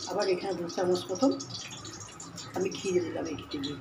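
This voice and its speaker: Loud cooking noise fills an echoey kitchen as a Bengali woman talks viewers through each step of her home cooking video. Her voice is lowish and creaky, and she speaks fairly quickly in a casual, demonstrative way as the channel's host.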